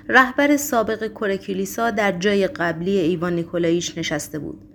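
A woman's voice: medium pitch, a little hiss or hum. Woman reading a novel aloud. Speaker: audiobook narrator. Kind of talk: scripted narration.

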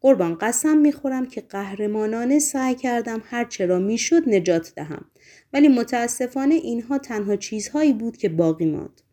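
A woman voicing a boastful, excitable talking tomcat in a storybook reading. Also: on the high side, close to an everyday voice. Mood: pleading. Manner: pleading and excited.

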